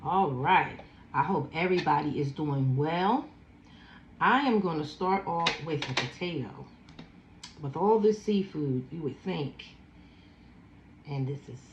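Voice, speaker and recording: Slow low-voiced woman in her fifties. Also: echoey room, muffled recording, a little hiss or hum. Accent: Philadelphia. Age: 50s. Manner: slow, savoring, chatty with food sounds. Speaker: food vlogger. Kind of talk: casual eating chat.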